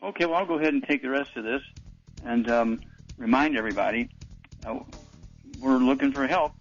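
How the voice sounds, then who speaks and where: A man's voice: medium pitch, a little fast, dull audio, faint music behind. A man hosting a call-in radio advice show, blunt and dismissive, often interrupting callers. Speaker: radio talk show host.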